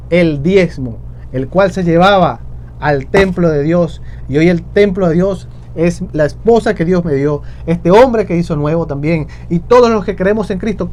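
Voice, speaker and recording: A man's voice: high-pitched, a little mellow, slight background noise. A man preaching a sermon, addressing the congregation as brothers and repeating key phrases for emphasis. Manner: preaching with repetition, addressing "hermanos".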